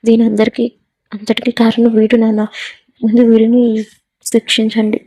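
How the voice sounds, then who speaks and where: A woman's voice: a little high, completely flat delivery, moderate pace, warm tone, no echo. A woman voicing a wronged young village woman who pleads with her father in a storybook reading. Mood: pleading.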